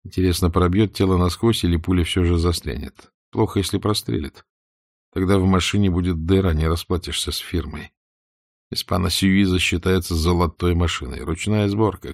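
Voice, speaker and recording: A man reading a novel aloud as an audiobook narrator, in an even, unhurried literary reading. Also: sits low, vocal fry, no echo, clean studio sound. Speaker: audiobook reader.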